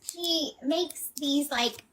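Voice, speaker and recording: A woman's voice: high-pitched, drawn-out words, fairly bright tone. A young woman hosting her own livestream, chatting in a bubbly, friendly way. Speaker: livestream host. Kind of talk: casual livestream chat.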